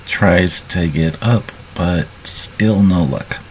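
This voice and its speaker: A man casually narrating his moves in a role-play, often halting and restarting his sentences. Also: sits low, a little hiss or hum, low-quality recording.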